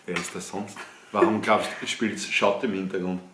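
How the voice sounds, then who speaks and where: A man's voice: low voice, level tone, moderate pace, noisy background. A man in his twenties with an Austrian accent, bantering casually and teasing boisterously as a vlog host during a drinking game. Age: 20s. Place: clothing studio room at a table. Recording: roomy indoor sound, music behind.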